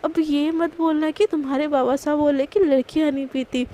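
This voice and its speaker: A woman voicing a teasing young woman, very high voice, mellow tone, slow mocking sing-song, storybook. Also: fairly even intonation, lightly acted.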